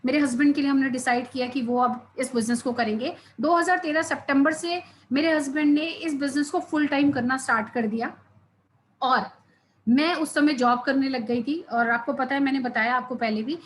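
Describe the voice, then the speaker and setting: A woman's voice: sits high, steady tone, moderate pace, a little hiss or hum. A woman, giving an earnest personal testimony at a seminar and speaking straight to the audience. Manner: earnest storytelling, addressing the audience directly.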